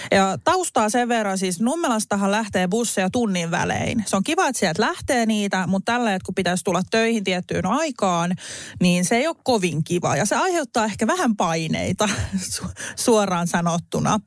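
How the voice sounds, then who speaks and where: A woman in her thirties, a podcast co-host, telling a lively story in casual chat, swearing and laughing often. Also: medium pitch, no room sound, studio quality.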